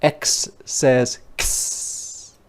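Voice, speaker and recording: Reading very slowly, a teacher leads young children through a phonics lesson, exaggerating the enunciation of letter sounds and words. Playful, expressive asides are mixed in.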